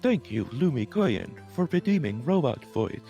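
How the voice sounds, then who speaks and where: A man's voice: medium pitch, very animated, moderate pace, gravelly, mellow, lo-fi sound, soft background music. A man streamer chatting to his viewers through a robot voice filter. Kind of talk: casual live-stream chat.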